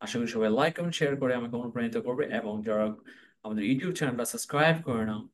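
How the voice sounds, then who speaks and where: A man's voice: medium pitch, racing. A man with a Bangladeshi accent teaching English pronunciation in a spoken lesson, repeating each model word several times and mixing English words into his speech.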